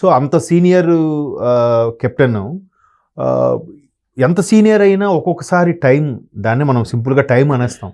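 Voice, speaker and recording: This man, appearing as an analyst guest, chats through his commentary with a warm, mellow tone that carries some gravel, pitched in the middle range. Though animated, he hesitates a lot, filling gaps with fillers and stopping to find the right word.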